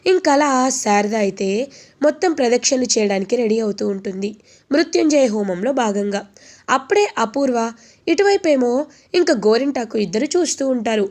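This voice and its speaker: Chatty high-voiced woman storyteller. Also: expressive, moderate pace, a little mellow. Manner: chatty, repeating fillers. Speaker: narrator recapping a TV serial. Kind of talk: casual storytelling recap.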